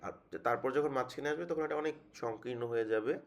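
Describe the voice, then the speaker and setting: A man's voice: medium pitch, fairly quick, creaky. A man teaching a tajweed lesson, patiently repeating each sound many times as a demonstration. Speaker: Quran recitation teacher.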